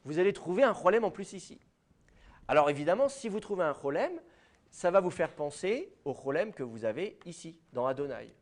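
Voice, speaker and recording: A man's voice: fairly high pitch, lively intonation, fairly quick. A man with a French accent giving a university lecture, explaining to students directly, with many fillers. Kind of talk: classroom lecture.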